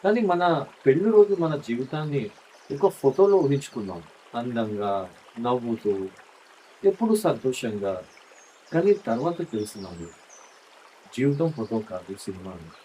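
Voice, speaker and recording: Middle-aged man, warm mellow timbre, tender scripted monologue to a spouse. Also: medium pitch, lively intonation, normal speed, long pauses, slight background noise. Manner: tender, intimate, coaxing tone addressed to a spouse. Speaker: storyteller speaking as a husband.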